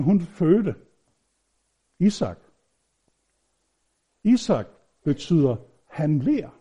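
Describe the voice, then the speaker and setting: A man giving an informal, conversational sermon, halting with fillers and restarts and mixing in humorous personal stories. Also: a little high, warm tone, slightly rough. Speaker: preacher. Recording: dull lo-fi recording.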